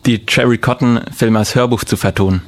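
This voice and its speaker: A man hosting a radio interview and asking relaxed, friendly questions. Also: medium pitch, a little fast. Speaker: radio host.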